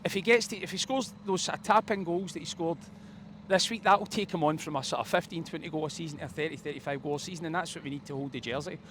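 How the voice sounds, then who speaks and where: Standing outdoors by a football stadium, a fan pundit with a fairly high, somewhat bright voice reacts quickly and effusively to the match. His opinions pour out in wordy runs, and outdoor street noise is audible in the background.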